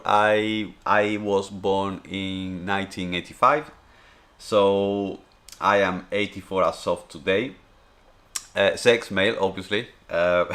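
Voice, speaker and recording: A man's voice: low-pitched, fairly bright tone. A man in his thirties from Spain, speaking English with a Spanish accent, answers viewer questions in a casual, rambling way that leans on "obviously" and "you know". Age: 30s. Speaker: streamer. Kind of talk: casual Q&A chat.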